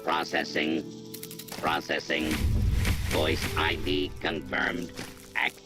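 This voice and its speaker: Super flat slow computer teller voice, gravelly, announcing stuff. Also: male voice, extremely low pitch, loud music behind the voice, heavily acted. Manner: flat, clipped automated announcements. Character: male bank computer teller voice.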